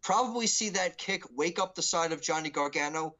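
Animated male wrestling co-host. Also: fairly high pitch, a little fast, poor audio. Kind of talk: casual wrestling preview chat.

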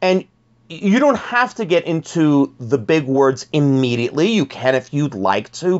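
A man's voice: a little high, muffled recording. A man giving a spoken workshop on teaching young singers, explaining step by step with fillers and repeated words. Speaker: vocal pedagogy teacher.

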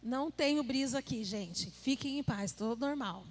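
A woman with a bright, high voice preaches a sermon. She keeps it playful and conversational, teasing her listeners and asking them questions as she goes. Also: moderate pace. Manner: playful and conversational, jokes with the audience.

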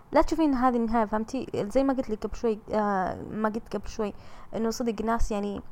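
Fast-talking Saudi woman podcaster. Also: fairly high pitch, a little mellow. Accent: Saudi Gulf Arabic. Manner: chatty, teasing, comforting. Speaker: podcast host reading listener messages. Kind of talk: casual solo podcast chat.

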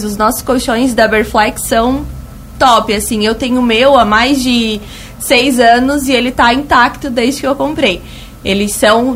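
A woman with a high-pitched, thin and reedy voice that sounds slightly cracked. She talks colloquially as a store representative in a radio interview, repeating points for emphasis, with faint noise behind her. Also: a bit bright. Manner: colloquial, fond of diminutives and emphatic repetition. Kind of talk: conversational promotional interview. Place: radio studio.

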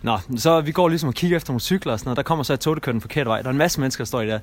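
A young man casually telling a rambling anecdote as a guest, with lots of fillers and restarts. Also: mid-range voice. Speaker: guest storyteller.

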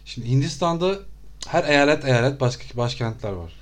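Casual male traveler, quick talker with a noticeable stammer and loose delivery. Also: mid-range voice, lively intonation. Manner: stammers, restarts words often. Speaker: traveler telling trip stories. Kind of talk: casual chat.

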